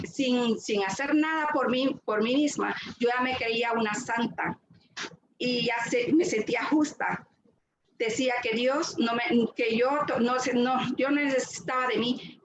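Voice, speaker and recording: Woman sharing her faith story, earnest, bit high voice, roomy echo w/ noise behind. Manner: earnest, repeats words while searching for them. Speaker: retreat speaker giving a talk. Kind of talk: faith testimony talk. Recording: echoey room with noise.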